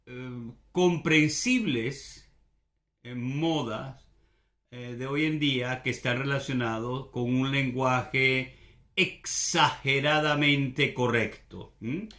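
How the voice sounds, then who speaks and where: A man from Venezuela with a Venezuelan Caribbean accent, hosting a Spanish-language show in a relaxed monologue, rambling and thinking aloud with many hesitations. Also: medium pitch, roomy sound. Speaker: Spanish language podcast host.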